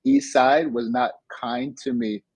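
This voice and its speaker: A man's voice: mid-range voice, measured pace, husky, no echo, rough recording. A man from Nigeria, an interview guest, telling his life story in a reflective, casual way with frequent restarts. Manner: reflective, frequent restarts, animated when recounting. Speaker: interview guest, digital entrepreneur.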